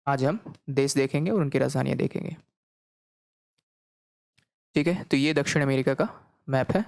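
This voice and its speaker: A man's voice: mid-range voice, normal speed, creaky, dry recording, studio quality. A man teaching geography in a recorded lecture, checking in often and repeating each point back as a question. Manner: repeats key points as quiz questions, frequent "okay" checks.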